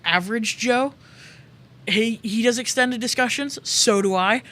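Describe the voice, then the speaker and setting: A man's voice: very high-pitched, steady tone, normal speed, sharp tone. A young man hosting a casual gaming podcast, rambling and joking with self-mocking asides. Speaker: podcast host.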